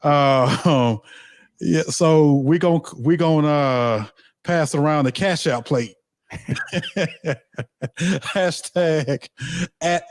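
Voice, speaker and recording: A man's voice: mid-range voice, no room sound. Man, host, laid-back joking, dry recording, video call. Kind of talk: casual chat.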